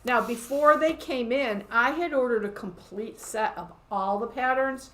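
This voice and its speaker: A woman's voice: on the high side, a little slow, fairly bright tone. A woman hosting a casual live show-and-tell from her quilt shop, chatty and upbeat, laughing often.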